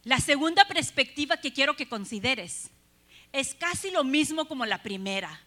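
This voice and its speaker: Woman preacher, high bright voice, earnest sermon with rhetorical questions. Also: lively intonation, normal speed.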